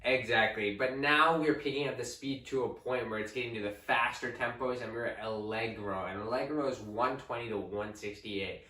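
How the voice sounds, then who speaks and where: A young man with a bright, forceful voice explains music in a relaxed, chatty way. He sounds a little away from the mic, and the room gives an echo. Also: mid-range voice, normal speed, hardly any pauses, recorded from a distance. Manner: relaxed, conversational, with fillers. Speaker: co-host music teacher. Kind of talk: casual explanatory lesson.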